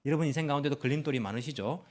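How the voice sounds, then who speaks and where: A male pastor giving a Sunday sermon in a church, often asking the congregation questions and acting out quoted lines. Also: very fast. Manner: animated, acts out quoted lines with rising pitch; asks the congregation frequent questions. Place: church in Tokyo.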